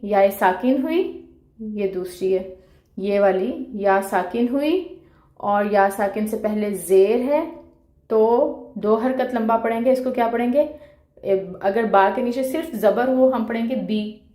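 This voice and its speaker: A woman's voice: medium pitch, slow pace, a little mellow. A woman teaching Quran recitation in an online lesson. She explains patiently, step by step, checks in with "okay" and draws out the sounds she demonstrates.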